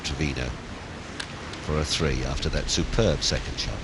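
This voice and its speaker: A man's voice: fairly even intonation, normal speed. A man giving golf commentary on a televised match, wryly savouring each shot with colourful phrasing. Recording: very noisy outdoor broadcast, wind and traffic-like rumble. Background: outdoor golf course ambience.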